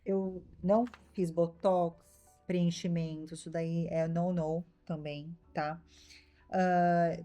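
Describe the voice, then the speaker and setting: A woman's voice: fairly low pitch, mellow. Chatty Brazilian woman vlogger. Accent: Brazilian Portuguese. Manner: chatty, keeps checking in with viewers. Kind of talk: casual chatty vlog.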